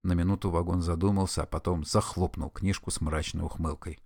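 A man narrating an audiobook with expressive, animated storytelling. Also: low-pitched, fairly quick, vocal fry. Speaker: audiobook reader. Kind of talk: scripted narration.

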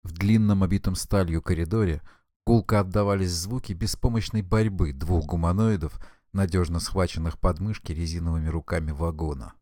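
A man narrating an audiobook with expressive, animated storytelling. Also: low-pitched, fairly quick, no echo, studio quality. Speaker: audiobook reader. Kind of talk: scripted narration.

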